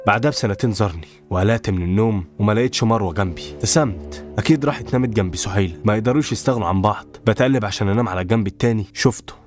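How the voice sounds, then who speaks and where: A man's voice: lowish voice, very fast, hardly any pauses, a little mellow. A man with an Egyptian Arabic accent narrating a first-person horror story in a dramatic, intense way. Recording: voice over background music.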